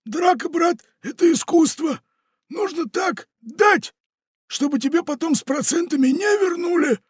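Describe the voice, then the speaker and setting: A man voicing a boisterous, treacherous male pirate in a storybook, shouting his lines in a strained, raised voice. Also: animated, unhurried, no echo, studio quality. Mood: boastful. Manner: shouting, exclamatory, high-pitched. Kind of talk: audiobook character voice.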